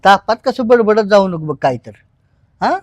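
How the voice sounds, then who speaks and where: A woman's voice: medium pitch, expressive, normal speed, no echo, muffled recording, natural voice. A woman playing a puzzled, dismissive village husband in a comedy skit, brusque yet coaxing, with a rural Marathi accent.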